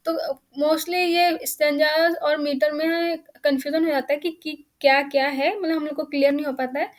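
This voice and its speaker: A woman with an Indian accent, teaching an exam-prep lesson and explaining step by step, reading English questions slowly. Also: high voice, fairly even intonation.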